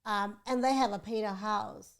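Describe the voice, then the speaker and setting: A woman's voice: mid-range voice, fairly even intonation, unhurried, clear, resonant tone. A young woman with a South African accent, co-hosting a podcast in casual chat and often talking over her partner. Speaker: podcast co-host.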